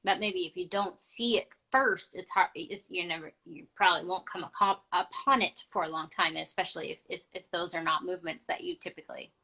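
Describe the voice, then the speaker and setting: A woman co-hosting a casual live show, chatty and quick to laugh. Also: fairly low pitch, steady tone, creaky, bright, forceful tone, poor audio. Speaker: podcast co-host. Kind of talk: casual live-stream chat.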